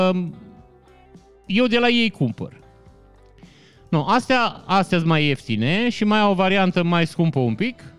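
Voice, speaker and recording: Guy chatting on his live stream, reads out comments, laughs a lot, smooth slightly high voice, bit of music behind. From Romania. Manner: chatty, laughs often, greets viewers by name. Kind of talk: casual live-stream chat reading comments.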